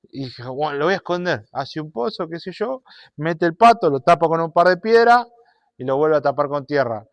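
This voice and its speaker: A man preaching a sermon and telling a story, animated, shifting between loud and soft. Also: fairly high pitch, normal speed, no room sound, dull audio.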